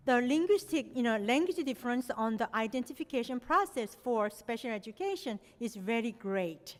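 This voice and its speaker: With a fairly high voice, lively intonation, and a moderate pace, a Korean-born lecturer in middle age delivers an academic talk. She is a native Korean speaker who uses non-native phrasing and frequent "you know" fillers, and the lecture hall gives a long reverb.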